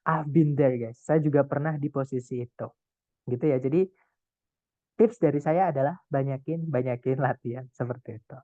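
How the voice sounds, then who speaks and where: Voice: medium pitch, normal speed, no echo. A tutor giving a casual, encouraging online lesson, with many fillers and English phrases mixed in. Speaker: English test prep tutor. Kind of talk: online class lecture. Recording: tinny phone-like, dry sound.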